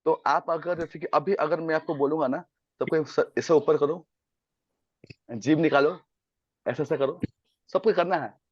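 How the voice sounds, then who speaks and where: A man's voice: on the high side, unhurried, pauses often, husky, no echo, lo-fi sound. A man teaching a sales class on a video call, mixing Hindi and English and quizzing his students. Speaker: sales coach.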